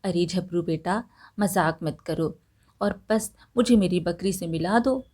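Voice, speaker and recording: A woman's voice: lowish voice, unhurried, a little mellow. A woman voicing an old village woman who pleads and scolds over her lost goat, in a storybook reading. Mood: pleading. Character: old village woman, fretful and easily angered.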